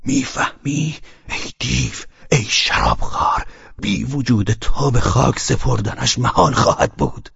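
A man voicing a strong man choking with rage, shouting forcefully. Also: medium pitch, sing-song, vocal fry, breathy edge, lo-fi sound, exaggerated voice. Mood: enraged.

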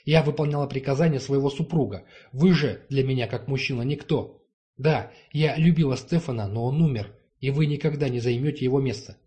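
A man's voice: medium pitch, a little fast, dark tone, lightly acted. A man reading the lines of a proud, stubborn young woman in an audiobook, cold and formal. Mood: cold defiant. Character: proud young woman who calls herself not human.

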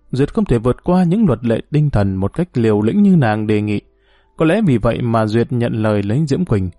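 Mellow male audiobook narrator. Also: mid-range voice, no echo, studio quality.

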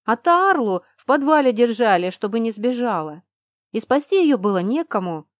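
A woman narrating a storybook in the first person, lively, with exasperated quotes of the heroine. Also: on the high side, normal speed, no room sound, clean studio sound. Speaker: audiobook narrator.

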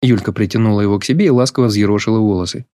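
A man reading a novel aloud as an audiobook narrator, in a measured, even storytelling manner. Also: on the low side, no echo, studio quality. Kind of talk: scripted literary narration.

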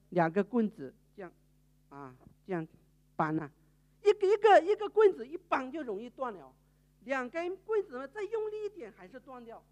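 A woman evangelist, preaching a sermon and telling a story with lively acted-out quotes. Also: a little high. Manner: animated storytelling, acting out quoted people.

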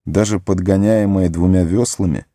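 A man narrating a fantasy audiobook in a measured, expressive storytelling voice. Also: low-pitched, no room sound, studio quality.

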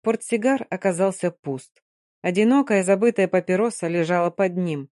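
A woman's voice: on the low side, normal speed, a little mellow, dry recording, clean studio sound. A woman narrating an audiobook expressively, giving each character a voice.

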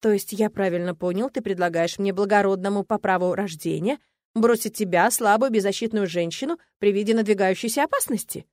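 A woman's voice: fairly high pitch, lively intonation, fast, no room sound, studio quality, natural voice. Woman doing a cocky teasing young nobleman. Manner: mocking, unflappable.

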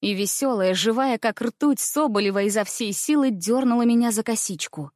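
A woman narrating a children's story in an even, measured reading voice. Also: fairly high pitch, no echo, clean studio sound.

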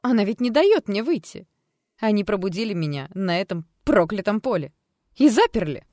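An audiobook reader voicing a mocking, unhinged female alter ego who talks in a hoarse, hissing, capricious way. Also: medium pitch, big pitch swings, normal speed, darkish tone, no room sound, clean studio sound, voice pushed up, natural voice. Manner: taunting, capricious, cheeky. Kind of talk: audiobook character voice.

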